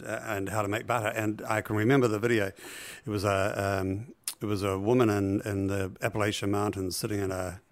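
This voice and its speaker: A man with a New Zealand accent, telling his business story in a relaxed interview, with many ums and restarts. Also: on the low side, dry recording. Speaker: business founder guest.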